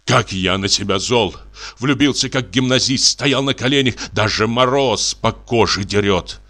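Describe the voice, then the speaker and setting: A man playing a blunt, hot-tempered middle-aged landowner, blustering and halting, as in an audiobook drama reading. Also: on the low side, pushed and bright, voice pushed down. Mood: exasperated. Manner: blustering, halting, self-mocking.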